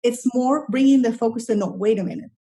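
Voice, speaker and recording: A woman's voice: a little high, quick pace, dark tone. A middle-aged woman from Colombia, a guest in an interview, talking enthusiastically and often repeating words as she searches for phrasing. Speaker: guest, content strategist. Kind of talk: casual interview talk.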